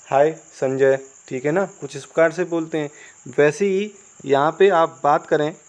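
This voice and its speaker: A chatty Indian man with a somewhat high voice, walking viewers through English spelling rules in relaxed Hindi. He spells each word out letter by letter and keeps checking in with "clear?". Faint insect chirping runs behind his voice-over. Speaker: English teacher. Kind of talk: casual Hindi classroom explanation.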